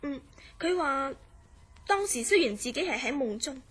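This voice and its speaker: Radio drama: concerned young Hong Kong woman played by an actress, high-pitched, polite, measured and grave as she recounts a mystery. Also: expressive, fairly bright tone. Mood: earnest, grave. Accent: Hong Kong Cantonese. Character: concerned, earnest young woman telling of her troubled friend. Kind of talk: Cantonese horror radio drama acting and narration.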